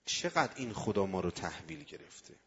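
Male preacher telling stories in a sermon, husky tone, dull lo-fi sound, goes from quiet to fervent. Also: deep voice, big pitch swings, in a large hall. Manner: swings from hushed to loud impassioned calls. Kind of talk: sermon with storytelling.

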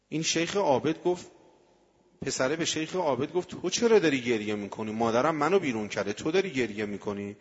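Male preacher telling stories in a sermon, husky tone, dull lo-fi sound, goes from quiet to fervent. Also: mid-range voice, big-room sound. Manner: swings from hushed to loud impassioned calls. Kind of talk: sermon with storytelling.

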